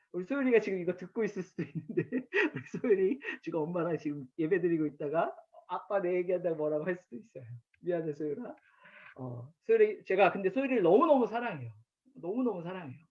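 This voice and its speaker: A man in his thirties preaching at an online chapel, telling stories about his daughter and acting out her lines. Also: high voice. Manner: warm storytelling with acted quotes of his daughter. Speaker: campus ministry pastor. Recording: dull lo-fi online chapel recording.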